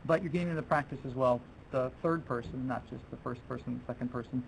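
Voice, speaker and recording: A man's voice: medium pitch, quick pace, creaky, slight background noise, low-quality recording. A man presenting a teaching workshop to fellow teachers in a chatty way, restarting his sentences and dropping in French phrases.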